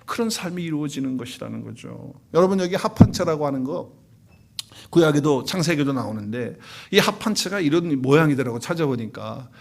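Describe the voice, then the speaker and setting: A male pastor preaches an animated Sunday sermon in a church sanctuary. His voice sits a little higher than most men's, and he keeps asking the congregation questions and acting out the quoted couples. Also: a little fast, vocal fry. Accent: Korean.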